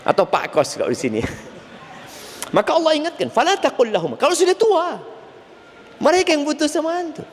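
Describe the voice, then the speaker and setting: A man with an Indonesian accent giving a lively Islamic sermon lecture, quoting Arabic verses. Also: very high voice, a little fast, long pauses. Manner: lively, animated preaching with Arabic recitation. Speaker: preacher. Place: station venue hall with crowd ambience. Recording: reverberant hall, faint background noise.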